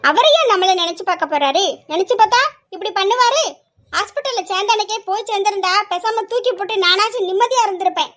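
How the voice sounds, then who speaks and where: Lady playing a nagging mom, super high squeaky voice, ranting nonstop at grandpa. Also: lively intonation, quick pace. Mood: bitter. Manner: scolding, ranting, sharp rhetorical questions. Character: fierce, nagging middle-aged mother, bitter scold. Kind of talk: homemade family skit acting.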